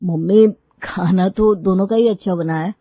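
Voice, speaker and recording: A woman's voice: fairly low pitch, normal speed, no echo, natural voice. A weary young husband caught in the middle, voiced by a woman in a cartoon story, placating in a tired tone. The sound is dull, lo-fi and very dry.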